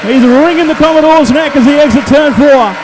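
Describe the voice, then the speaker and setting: An Australian man calling a race as a motorsport commentator, excited, colloquial and punchy. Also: very high-pitched, fairly quick, noisy background. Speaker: speedway race commentator and trackside interviewer. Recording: loud race car engines behind the voice. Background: race cars, engines and tyre squeal.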